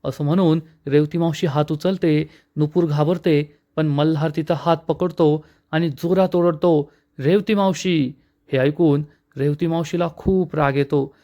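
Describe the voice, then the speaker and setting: Guy recapping a drama episode, dramatic telling, kinda high voice. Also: fairly even intonation, unhurried, mellow, highs cut off. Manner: dramatic storytelling. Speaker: narrator.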